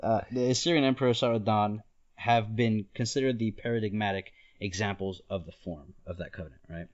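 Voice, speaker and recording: Man, podcast host, lowish voice, casual back-and-forth explaining, dull lo-fi sound. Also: fairly even intonation, brisk. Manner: talks it through with many "like" and "right?", laughs easily.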